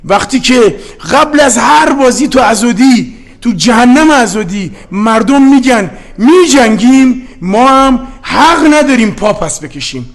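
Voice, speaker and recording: A man's voice: extremely high pitch, animated. A middle-aged man from Gilan, a football head coach, speaking with a Gilaki-tinged accent in an impassioned, defiant post-match interview. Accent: Gilaki-tinged Persian. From Gilan, Iran.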